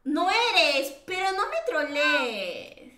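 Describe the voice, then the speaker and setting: A woman's voice: high-pitched, very animated, drawn-out words, sharp tone, roomy sound. A Peruvian woman streaming a game, chatting and teasing with lots of fillers and laughter. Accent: Peruvian Spanish. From Peru. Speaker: streamer host. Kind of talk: casual chat while gaming.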